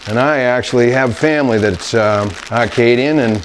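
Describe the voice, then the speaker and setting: A man hosting a cooking video, talking through a recipe in his kitchen in a halting, meandering way. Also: medium pitch, a little hiss or hum. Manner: halting, meandering, searches for words. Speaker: cooking show host demonstrating recipes. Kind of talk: unscripted cooking demonstration. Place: home kitchen indoors.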